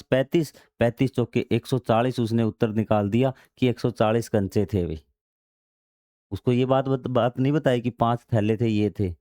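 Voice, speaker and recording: A man teaches a maths lesson, reading textbook passages aloud and explaining them in everyday words. He poses questions, answers them himself and repeats key steps. His medium-pitched voice is mellow, recorded dry in a clean studio.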